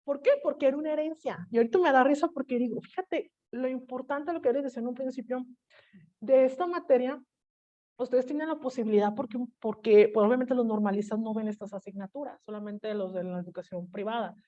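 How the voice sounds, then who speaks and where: A Mexican woman teaching an online class, telling a personal story in a lively way and acting out the voices of the people she quotes. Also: a little high, fairly quick, highs cut off.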